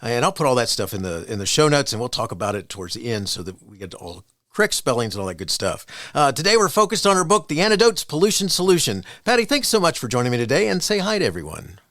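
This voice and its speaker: A man hosting a podcast, his pitch rising and falling with plenty of movement. He talks in a loose, chatty way, circling back over his own words. The sound is close and dry, with no room around it. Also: big pitch swings, quick pace, a bit bright, no room sound. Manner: chatty, repeats words and restarts. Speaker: podcast host. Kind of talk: podcast interview.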